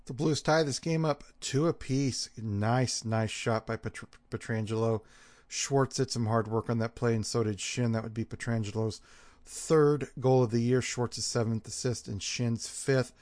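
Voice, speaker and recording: A man with a mid-pitched voice recaps sports as a podcast host. He talks in a halting, conversational way, recorded dry and close. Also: steady tone, darkish tone, dry recording.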